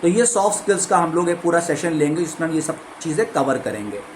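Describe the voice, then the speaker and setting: An Indian-accented man gives a spoken English lesson, explaining each point and then demonstrating it aloud. His voice sits a little high for a man. A faint hum runs under the recording. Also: big pitch swings, fast talker, poor audio. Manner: explanatory, demonstrates phrases with varied stress. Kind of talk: course overview lesson.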